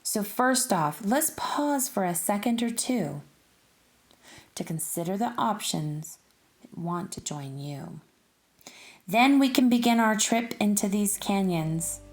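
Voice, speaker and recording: Her voice sits at medium pitch as she tells a rhyming story for children, speaking directly to them with care and plenty of expression.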